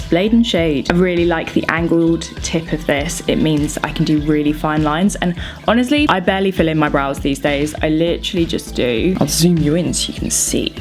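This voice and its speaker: Beauty vlogger, woman of 30, low-ish voice, chatty and playful, faint music underneath. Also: vocal fry, a little mellow. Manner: chatty, playful, laughs often. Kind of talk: casual get-ready-with-me makeup chat.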